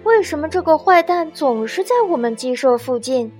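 A woman voicing a curious young hen girl in a children's story, high and eager. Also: measured pace, darkish tone, faint music behind. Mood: puzzled.

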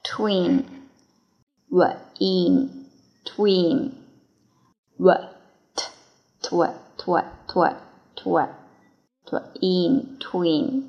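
A woman's voice: sits low, creaky, muffled recording. A woman teaching English vocabulary, spelling each word letter by letter and then giving its meanings. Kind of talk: slow word-by-word spelling drill.

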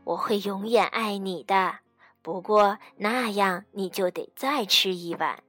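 A woman voicing a loving, patient mother in a bedtime storybook, speaking softly and gently. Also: medium pitch, a little slow, no room sound, faint music behind, pitched below the performer's own voice. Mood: tender. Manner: soft, gentle reassurance.

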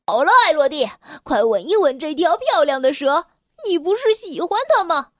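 A woman's voice: on the high side, lively intonation, unhurried, fairly bright tone, no room sound, clean studio sound. Woman doing a jeering bratty boy bully. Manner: jeering, then groaning in pain. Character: bratty mean boy bully, later weak and sorry.

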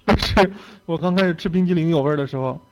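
A man's voice: fairly high pitch, fast, low-quality recording. A young man giving a lecture in a casual storytelling way. He talks in a chatty manner, laughs often and tags his phrases with "OK" and "right?". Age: young adult.

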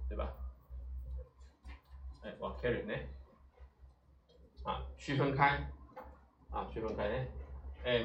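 A man teaching Japanese vocabulary, explaining each word and asking rhetorical questions, with many drawn-out "ah" fillers. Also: mid-range voice, fairly bright tone, slight background noise. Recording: roomy echo, mic at a distance, faint ambience.

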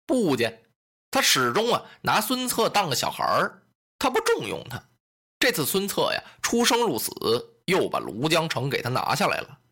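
A man telling a traditional historical story in animated, colloquial narration. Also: a little high, moderate pace, husky.

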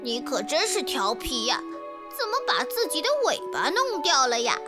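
A woman's voice: high voice, big pitch swings, moderate pace, over music, voice pushed up. A woman voicing a kind, curious little child who asks caring, sing-song questions in a children's story.

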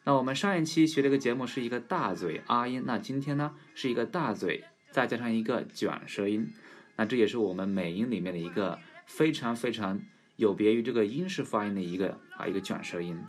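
Male pronunciation teacher, relaxed lesson, slow drawn-out example words, low voice. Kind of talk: casual English pronunciation lesson.

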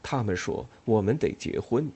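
A man voicing an anxious builder who pleads in a hushed voice in an audiobook. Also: lowish voice, lively intonation, moderate pace, slightly rough. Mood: hushed pleading.

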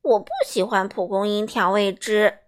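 A woman's voice: steady tone, moderate pace, close to an everyday voice. A woman voicing a fussy, haughty little girl character in a children's storybook, proud and complaining. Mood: stubborn. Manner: proud and complaining, high and loud.

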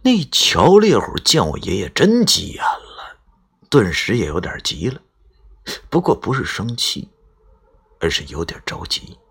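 Male storyteller, colloquial, husky low voice. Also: a little slow, pauses often. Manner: colloquial, lively, swearing asides. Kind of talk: live-streamed storytelling.

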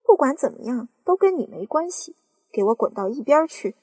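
A woman voicing a fat, greedy aunt who yells loudly in a storybook reading. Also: high-pitched, sing-song, a little fast, slightly rough, dry recording, studio quality, pitched above the performer's own voice, heavily acted. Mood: dismissive. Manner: loud, yelling.

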